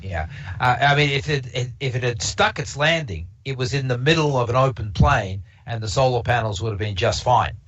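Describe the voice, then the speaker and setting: Giving a relaxed talk at an observatory, a man from Canada whose first language isn't English rambles, restarts and uses many fillers. His mid-range voice is animated and fairly bright at a normal pace. The stream audio is lo-fi and slightly dull.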